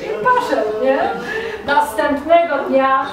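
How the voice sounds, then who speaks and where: A woman's voice: high voice, slow pace, a crowd in the background. A woman performing folk tales live, chatting directly to the audience. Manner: lively, chatty, addressing the audience. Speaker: storyteller. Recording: echoey room from a distance with audience.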